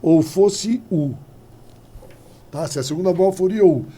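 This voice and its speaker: A man's voice: high voice, a little slow, breathy edge. A man, teaching a classroom grammar lesson and acting out little dialogues as he explains. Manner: lively, animated, acts out little dialogues.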